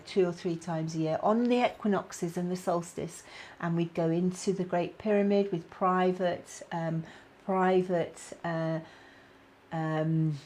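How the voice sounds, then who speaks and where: A woman's voice: on the low side, dark tone. Chatty British woman hosting a live stream. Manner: chatty, many fillers, reads out viewer comments. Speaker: spiritual guidance host. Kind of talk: casual live-stream chat.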